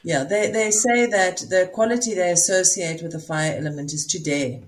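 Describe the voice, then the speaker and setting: A woman with a South African accent, speaking reflectively as a spiritual teacher in casual conversation, often pausing to find her words. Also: on the low side, slight background noise.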